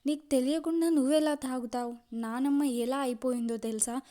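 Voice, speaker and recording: A woman's voice: high voice, steady tone, normal speed, warm tone, natural voice. A woman narrator voicing a young man who scolds his love in anger, his voice choked with hurt. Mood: scolding.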